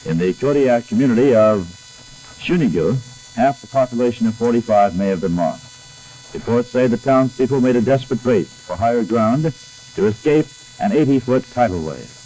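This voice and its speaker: A man's voice: medium pitch, expressive, warm tone, rough recording. A man reading wire news bulletins on air as a radio announcer, heard as an old 1960s broadcast recording with electrical hum. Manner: measured, grave, deliberate reading. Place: radio studio.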